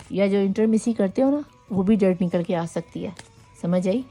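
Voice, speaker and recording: A woman's voice: on the high side, warm tone. A woman with a Pakistani accent doing a casual tarot reading for her viewers, chatty and coaxing, mixing English phrases into her Urdu. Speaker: tarot reader.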